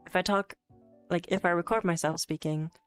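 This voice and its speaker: Speaking fairly quickly in a smooth, lowish voice with fairly even intonation, a young Polish-born woman streams as a VTuber while faint music plays behind her. Her English accent is part American, part British. She reads chat aloud and chats casually in a rambling way, full of fillers, restarts and self-corrections, and she's quick to laugh.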